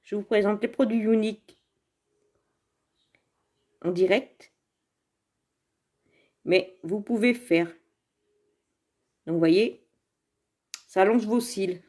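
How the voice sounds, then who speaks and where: A woman's voice: mid-range voice, slow, pauses often, dark tone. A woman chatting and rambling through a casual live makeup demo, laughing often and greeting viewers by name, filmed on a phone at home. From Saint-Étienne area, France. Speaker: direct seller presenting makeup products. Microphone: phone camera in front of her.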